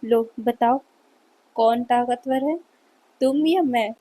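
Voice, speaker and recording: A woman's voice: on the high side, slow pace, dark tone. Woman reading as a proud, boastful man. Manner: boastful, challenging. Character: proud, possessive adult man, boastful of his strength. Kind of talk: fan fiction read-aloud.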